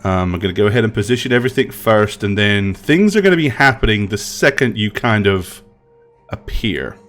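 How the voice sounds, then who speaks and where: A man narrating as game master of a tabletop game, unhurried and hesitant, often pausing with "um". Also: lowish voice, expressive, a bit bright, soft background music. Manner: unhurried, hesitant with frequent ums.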